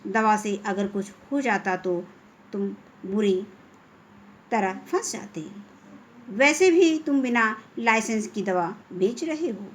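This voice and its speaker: A woman's voice: medium pitch, expressive, takes it slowly, slight background noise. A woman voicing a protective village father who grows firm and scolding. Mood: angry. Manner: firm, scolding toward the shopkeeper.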